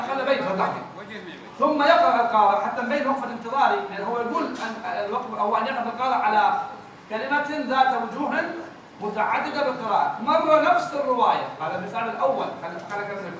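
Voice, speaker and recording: Male recitation teacher, very high voice, patient and repetitive, chants examples; booming echoey room, mic far off. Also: a bit bright, slight background noise. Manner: explains patiently, repeats words, chants verses slowly. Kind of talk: classroom lesson with chanted examples.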